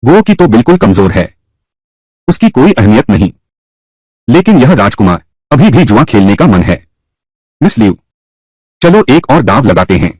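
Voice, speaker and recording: Husky young prince, mocking and playful, lively pitch, dry close sound, drama dub. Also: male voice, moderate pace, long pauses, no room sound. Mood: teasing. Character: teasing young playboy prince, gambler. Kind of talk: Hindi dub of a drama series.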